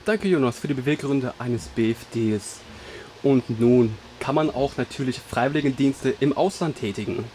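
A man's voice: mid-range voice, moderate pace, mellow. Young German male host, reads upbeat announcer copy, mid-range voice, light room hiss. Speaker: radio show host. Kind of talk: scripted radio presenting.

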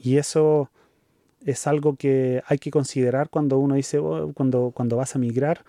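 A Chilean man in his thirties co-hosting a casual conversation, speaking thoughtfully with pauses and fillers. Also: mid-range voice, fairly even intonation, mellow, no room sound, clean studio sound. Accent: Chilean Spanish. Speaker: co-host.

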